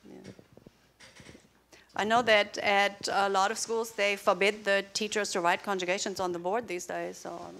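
Speaking at a medium pitch with a level tone, a bit of brightness and some vocal fry, this woman, whose first language is German, gives a teachers' workshop at a conference in a big lecture hall. She keeps it chatty, with laughing asides and quick audience quizzes, over slight background noise.

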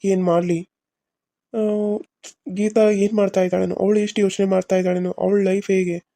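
A man's voice: high voice, level tone, a little fast, vocal fry, warm tone, no echo. A man voicing a moody young husband in a cartoon serial, brooding and harsh by turns. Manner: brooding, harsh, then pleading. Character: young husband, moody, torn between two women.

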